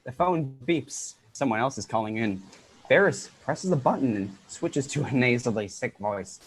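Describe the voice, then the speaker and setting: A man reading stage directions in a brisk, matter-of-fact way at an unrehearsed script read-through. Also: mid-range voice, lively intonation, slight background noise, rough recording.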